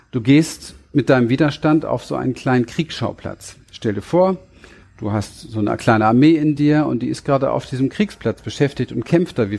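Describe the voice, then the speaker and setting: Male coach trainer, motivational talk, low mellow voice with some fry, direct address, deliberate pacing. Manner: addresses listener directly, frequent tag questions.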